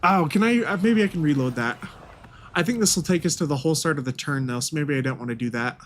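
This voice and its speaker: A man's voice: mid-range voice, fast talker, slight background noise. A man thinks aloud in casual commentary as he plays a strategy game. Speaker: gaming video host.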